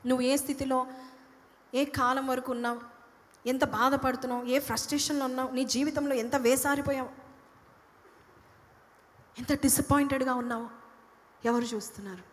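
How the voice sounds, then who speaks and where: A woman pastor preaches with a fairly high voice, putting questions to the congregation and urging them to answer. Her voice rings out with a long reverb in a large church hall. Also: fairly even intonation, normal speed, long pauses. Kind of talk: sermon.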